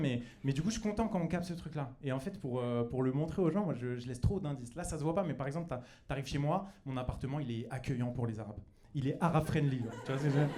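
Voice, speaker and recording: A young man performing a stand-up comedy set in a comedy club, chatty and loose, full of fillers and restarts. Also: medium pitch. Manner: loose, chatty delivery with many fillers and restarts, breaks into silly put-on voices. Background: audience laughter.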